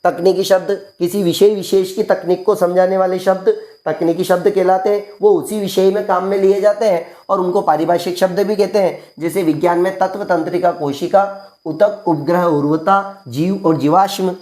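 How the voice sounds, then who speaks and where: A male teacher with a mellow, relaxed tone walks students through an exam-prep grammar lesson. He repeats key phrases patiently and poses questions to the class, then answers them himself. The room around him sounds roomy and echoey. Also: high-pitched, moderate pace. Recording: roomy echo.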